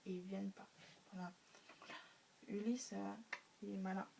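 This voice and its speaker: A woman's voice: medium pitch, level tone, a little slow, vocal fry. Hesitant woman retelling a story. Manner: hesitant, many fillers, spoken sound effects. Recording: faint room noise, mic a bit distant.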